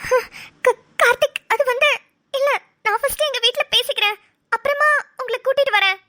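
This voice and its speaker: Woman putting on a super high squeaky cartoon girl, stammery and nervous, bright tone. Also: moderate pace. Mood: flustered. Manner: hesitant, stammering, pleading. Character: young woman, nervous hesitant fiancée. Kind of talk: cartoon voice acting.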